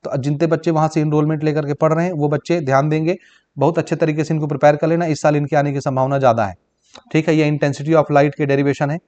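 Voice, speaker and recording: Brisk man teaching exam prep, higher voice. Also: level tone, darkish tone, highs cut off. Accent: Chhattisgarh Hindi. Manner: brisk, addresses students as brother and child. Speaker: physics teacher.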